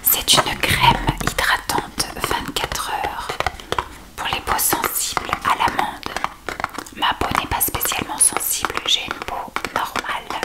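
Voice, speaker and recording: A woman whispers an ASMR product review very close, right in the listener's ear. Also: takes it slowly. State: ill with a cough. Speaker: beauty product review video creator.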